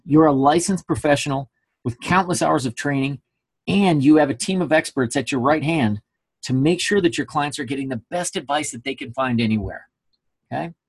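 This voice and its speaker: A man's voice: a little high, normal speed, husky. A man giving a recorded sales training presentation, emphatic and coaching, checking in often with his listeners. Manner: emphatic, coaching, frequent "okay?" check-ins.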